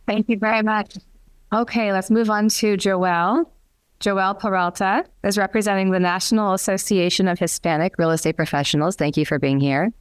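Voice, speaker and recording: A woman's voice: medium pitch, fairly even intonation, normal speed, clear, resonant tone. A woman moderating a symposium, reading speaker introductions in a polished, scripted way.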